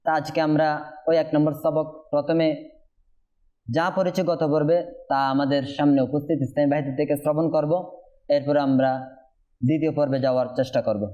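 A man with a fairly high voice and a Bangladeshi Bengali accent leads a Quran recitation class. He patiently asks the same question again and again to his students. The sound is a little dull and lo-fi. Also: dark tone. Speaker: Quran teacher.

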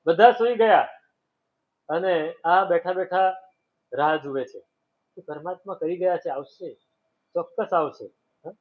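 A man's voice: high voice, measured pace, pauses often. A man giving a devotional sermon, telling a story and acting out its voices and sounds. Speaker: preacher. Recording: tinny phone-like sound.

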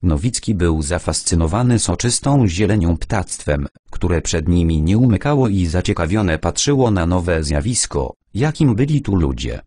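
A man's voice: sits low, animated, moderate pace, hardly any pauses, mellow, no echo, clean studio sound. A man reading an adventure audiobook aloud, narrating the story and voicing its characters lightly.

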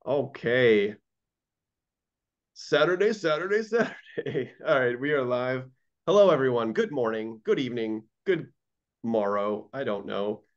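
A man hosts a live stream in a casual, rambling way and pokes fun at himself. His voice sits at a middle pitch. The audio is a little dull and lo-fi. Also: a little slow. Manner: joking, self-deprecating, rambling. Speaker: livestream host.

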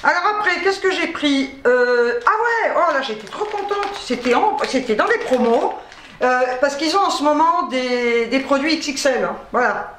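Woman, high voice, casual grocery haul chat, laughs a lot, roomy echo, faint noise. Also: lively intonation, moderate pace, a bit bright. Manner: chatty, joking, laughs often, many fillers. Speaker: vlogger. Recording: echoey room, faint noise.

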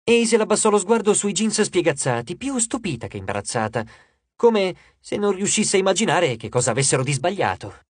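An audiobook narrator tells the story in a measured, expressive way, the pitch moving a lot from phrase to phrase. The voice has a husky grain and sits close to a dry studio microphone. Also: dry recording.

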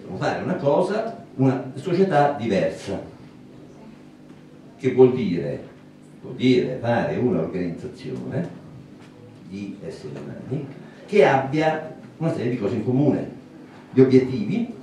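An older man lectures at a public talk in a small indoor meeting room, his medium-pitched, dark voice carrying a sing-song lilt. He's thoughtful and pausing, often using fillers and starting over. Though he holds a handheld mic, a distant camera recorded the talk, giving roomy echo and slight background noise.

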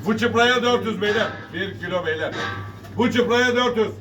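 A man's voice: high-pitched, normal speed, music in the background. A man working as a fish auctioneer, calling weights and prices in repeated sing-song calls for bids. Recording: distant mic, noisy market, birds cooing.

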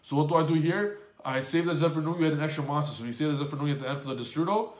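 A man hosting a gaming channel, recapping a card game match in casual commentary, excitable and swearing freely as he quotes his own reactions. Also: a little high, racing, roomy sound.

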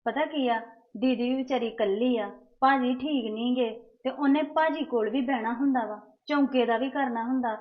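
A young woman playing an anxious, timid young wife who pleads softly with her husband and her mother. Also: on the high side, steady tone, normal speed, lightly acted. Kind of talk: amateur family drama acting. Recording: tinny, phone-like recording.

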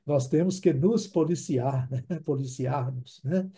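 Male teacher, higher pitch, very mellow tone; patient drill style, constant check-ins. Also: a little slow, husky. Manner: patient, repeats words for drilling, keeps checking in with the class. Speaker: English teacher. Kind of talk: online English class in Portuguese.

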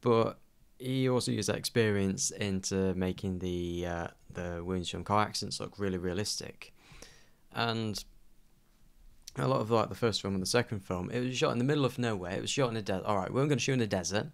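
Young male podcast co-host, lowish gravelly voice, halting casual delivery with lots of fillers. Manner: hesitant, many fillers and restarts.

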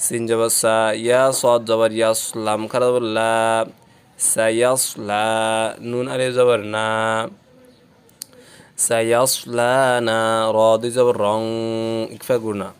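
A man teaches Quran reading at an unhurried pace, breaking every word into letters and vowel marks before joining them back up. His voice is very clear and smooth, and he keeps his pitch almost level throughout. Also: flat delivery. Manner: patient, drills each syllable letter by letter. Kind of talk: slow spelled-out Quran reading lesson.

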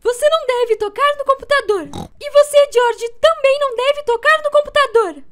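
A woman's voice: extremely high pitch, normal speed, fairly bright tone. A woman voicing a strict, busy mother pig with a firm, motherly manner in a cartoon parody dub. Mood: scolding.

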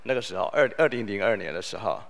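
Man, 40s, low-set voice; self-deprecating keynote storyteller. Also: expressive, racing, gravelly, a bit bright. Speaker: keynote speaker. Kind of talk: conference keynote talk. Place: conference hall.

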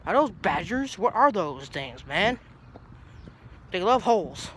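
A man's voice: high voice, sing-song, takes it slowly, fairly bright tone, slight background noise. A young man in his twenties talking casually to his phone at arm's length outdoors, rambling and easily sidetracked. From New Jersey. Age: young adult. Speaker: vlogger. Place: outdoors by a brick house in a grassy yard. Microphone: phone held low at arm's length.

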